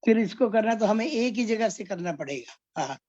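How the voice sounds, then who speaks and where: A woman's voice: mid-range voice, lively intonation, moderate pace, mellow, no echo, highs cut off. A woman teaching poetry, patiently explaining each point and acting out spoken examples. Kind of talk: explaining Hindi poetics.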